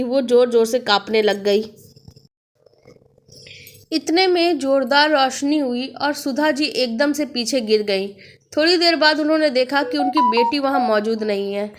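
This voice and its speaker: A woman narrating a spooky moral story in a plain, steady reading voice. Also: sits high.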